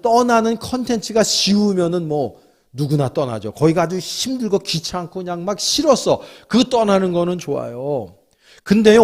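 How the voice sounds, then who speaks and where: Male pastor, higher-pitched voice, folksy sermon delivery addressing the congregation directly. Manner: folksy, talks directly to the congregation with questions and asides. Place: church sanctuary.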